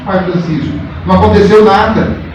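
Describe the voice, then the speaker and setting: A man's voice: high-pitched, fairly even intonation, normal speed, a little mellow, a little hiss or hum, lightly acted. A man voicing a very young, timid novice monk who pleads and whines, in an echoey hall with the mic far off. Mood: pleading.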